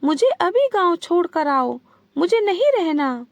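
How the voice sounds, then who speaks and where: Stubborn cranky old mother-in-law read by a woman, high voice, slow and dry. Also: very animated, no room sound, full character voice. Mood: scolding.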